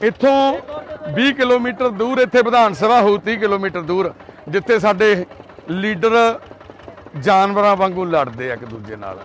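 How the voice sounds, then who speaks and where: A man's voice: high-pitched, animated, moderate pace, a little hiss or hum. A man reporting in the street, coaxing the people he talks to and then speaking earnestly to the camera. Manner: coaxing and pleading, then earnest social commentary. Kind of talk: street interview and commentary to camera.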